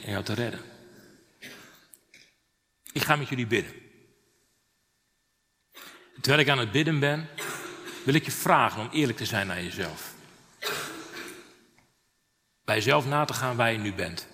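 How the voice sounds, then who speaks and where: A man preaching a sermon in an animated storytelling manner with dramatic rises. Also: medium pitch, normal speed, long pauses. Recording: long hall reverb.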